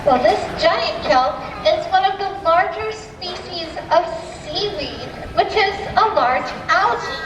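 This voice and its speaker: A high-voiced woman diver speaks slowly and clearly through her full face dive mask microphone. Her voice comes over loudspeakers, distant and echoing through a long, reverberant public hall. A noisy ambience sits behind her. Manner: clear, explanatory, friendly. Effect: voice from a full face dive mask microphone played over loudspeakers. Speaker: aquarium diver presenting to visitors. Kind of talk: educational presentation. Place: underwater in an aquarium tank, heard in a public hall. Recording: echoey loudspeaker heard from far off in a public hall.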